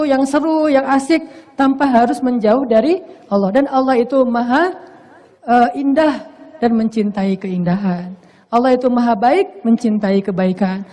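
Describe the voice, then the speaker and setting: A man's voice: extremely high pitch, mellow. A man giving a casual, humorous sermon in a playful, slangy way. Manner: playful, slangy, acts out quoted voices. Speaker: preacher.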